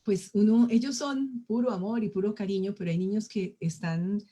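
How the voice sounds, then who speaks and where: A woman's voice: mid-range voice, moderate pace. A woman giving a public lecture, talking expressively to her audience and acting out different tones of voice. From Colombia. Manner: expressive, demonstrates tones of voice, addresses audience directly.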